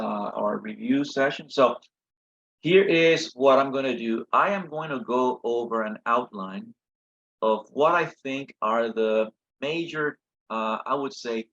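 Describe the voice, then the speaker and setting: A man with a tired, worn, husky voice gives an informal review lecture as an instructor, haltingly and often checking in with short tag questions. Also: mid-range voice, a bit bright. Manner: halting, frequent checking "okay?" and "right?". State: tired, voice a little shot. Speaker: chemistry instructor. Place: online video session from a computer. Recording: slightly dull lo-fi audio.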